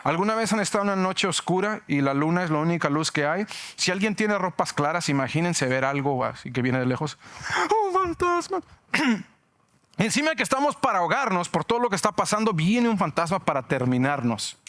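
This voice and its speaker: A male pastor preaching a sermon, animated and joking, acting out shouts from the story. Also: fairly high pitch, fast talker. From Mexico.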